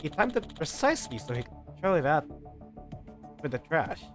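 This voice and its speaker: Reading a game's dialogue aloud during a livestream, the man speaks at normal speed in a slightly high voice with big pitch swings. He plays around, improvising comments and now and then stumbling over a line, while video game music plays behind him.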